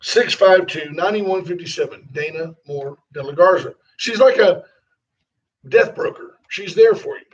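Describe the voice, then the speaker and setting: Radio co-host, wisecracking, high voice, a bit off-mic, dull sound. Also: male voice, unhurried, far from the mic. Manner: joking, wisecracking. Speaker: radio talk show co-host. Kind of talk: casual chat and live ad reads.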